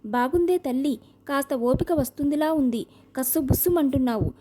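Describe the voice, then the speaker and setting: A fretful, fond old grandmother in an audio novel, voiced by a woman reader. She coaxes and chides in turn. The tone is high but mellow and dark. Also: moderate pace, close to an everyday voice. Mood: fond, chiding.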